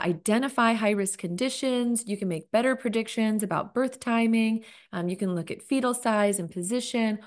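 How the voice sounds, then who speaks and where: A woman nonprofit executive speaking in an interview, articulate and enthusiastic as she explains her work. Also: fairly low pitch.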